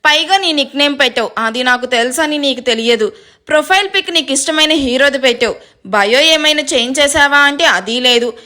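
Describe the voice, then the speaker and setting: Reading an audio story in a high, slightly fast voice, a woman plays an easygoing young man, a brother-in-law, who jokes, mocks and teases. His manner stays calm, and the mood is teasing throughout.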